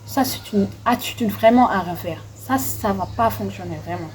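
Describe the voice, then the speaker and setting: A woman's voice: medium pitch, normal speed, a little hiss or hum, low-quality recording. A young woman, delivering an impassioned opinion monologue to her followers, indignant and repeating herself for emphasis. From Senegal. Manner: indignant, repetitive, heavy use of "en fait". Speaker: vlogger.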